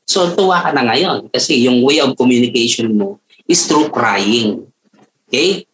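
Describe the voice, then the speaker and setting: A man, a guest doctor, explaining slowly and often checking in with the listener with rhetorical questions. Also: mid-range voice, a bit bright, a little hiss or hum, rough recording. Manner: rhetorical questions, repeats "okay?" and "di ba?". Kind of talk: slow explaining talk.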